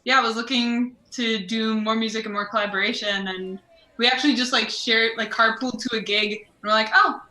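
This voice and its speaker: A woman singer-songwriter guest on a live show, telling her story in a friendly, relaxed way. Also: on the high side, a little fast. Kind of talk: casual interview answers. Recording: roomy echo.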